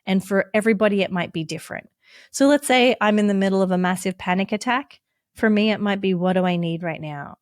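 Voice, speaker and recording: Gentle, reassuring woman therapist, dry sound. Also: medium pitch, fast, no room sound. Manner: gentle, reassuring, instructive, with frequent "like" and "right?". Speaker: therapist and author, podcast guest. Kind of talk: explanatory podcast conversation.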